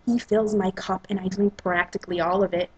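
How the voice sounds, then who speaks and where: A woman narrating a romance novel as a dramatic reading, with a husky, breathy voice. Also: mid-range voice, steady tone, a little fast, darkish tone, poor audio. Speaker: reader and narrator.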